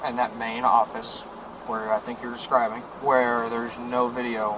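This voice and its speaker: A man in his middle pitch range questions a suspect in a calm, procedural way. He sounds set back from the mic, and the body-camera audio carries steady noise. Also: measured pace, distant mic. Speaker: police officer. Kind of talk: police interview.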